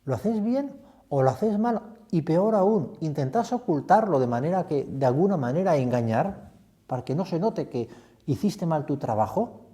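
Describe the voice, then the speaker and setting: A man's voice: a little high, lively intonation, normal speed, warm tone. A man, a priest leading a retreat meditation, reflective and putting many questions to the listener.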